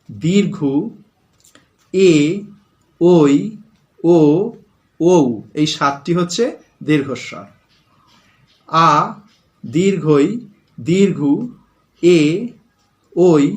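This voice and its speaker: A man's voice: a little high, a little mellow. A middle-aged male teacher giving a classroom lesson, asking questions and repeating lists aloud for his students.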